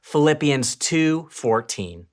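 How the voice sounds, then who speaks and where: A woman with a low voice co-hosts a scripted children's church lesson. Her delivery is lively and swings widely in pitch as she tells the story to kids. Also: takes it slowly.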